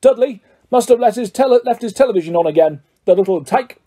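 An irritable, bullying middle-aged uncle put on by a man reading aloud blusters in a high, husky voice. He sounds menacing and self-important, a domestic tyrant from a children's storybook. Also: animated, quick pace, dark tone. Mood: blustering. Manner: menacing, blustering, false politeness before guests. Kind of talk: audiobook character voice.

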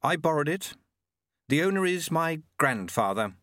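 A man's voice: on the high side, big pitch swings, normal speed, fairly bright tone, no echo, clean studio sound, voice pushed up. A man voicing a poised young woman who speaks directly and guardedly.

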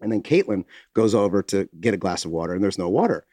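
A man's voice: low voice, fast, dry recording, studio quality. A man casually telling a long anecdote to his co-hosts, his voice rising as he gets into it. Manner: animated anecdote teller, voices rise with excitement. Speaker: podcast co-host. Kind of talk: casual chat, storytelling.

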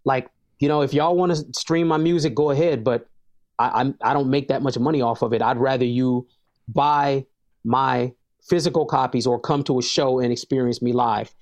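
A man's voice: medium pitch, fairly even intonation, moderate pace, a little mellow. A man, a hip hop artist talking casually as an interview guest, emphatic and prone to repeating words as he starts sentences.

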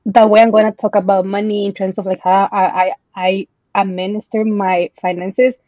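A woman in her 20s from El Salvador appears as a guest in a casual podcast chat, talking chattily with lots of ums and slipping into Spanish words. Her medium-pitched voice has little pitch movement and a moderate pace, and the sound is dry, dull and lo-fi.

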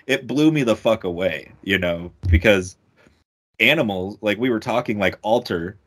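A young man co-hosting a music podcast, talking excitedly, swearing often and tripping over his words in casual chat. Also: lowish voice, moderate pace. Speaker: podcast co-host.

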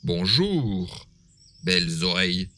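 A man voicing a boastful big bad wolf in a storybook reading, loud and swaggering. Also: sits low, very animated, slow pace, pitched below the performer's own voice, full character voice. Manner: loud, swaggering, self-satisfied.

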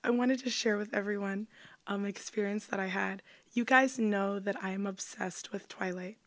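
A young woman co-hosting a podcast, telling a story in casual chat, laughing often and dropping into a breathy whisper for suspense. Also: medium pitch, fairly even intonation, normal speed, no echo. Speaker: podcast co-host.

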